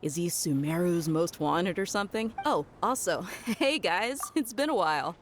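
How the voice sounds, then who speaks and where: Woman as a low-pitched, breezy young mercenary. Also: lively intonation, normal speed, a little hiss or hum, natural voice. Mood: teasing. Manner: casual, playful, cocky. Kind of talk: video game voice acting. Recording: music under the voice.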